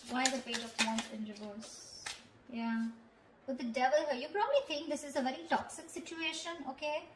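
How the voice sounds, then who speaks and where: In an echoey room with faint noise behind her, a tarot reader with a high voice talks briskly through an improvised reading. She addresses the listener conversationally and frequently checks in.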